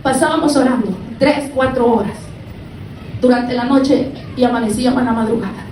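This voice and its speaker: A woman giving an emotional religious testimony to a congregation, her voice climbing high and tearful as she recounts her cries. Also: normal speed, a little mellow, roomy sound, far from the mic, slight background noise, poor audio. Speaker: testimony speaker.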